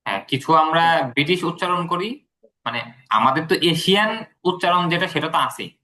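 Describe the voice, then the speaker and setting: Bright-voiced Bangladeshi man tutoring. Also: fairly high pitch, lively intonation, quick pace, slight background noise. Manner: patient, explains with many fillers. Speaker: English tutor. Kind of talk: explaining English pronunciation.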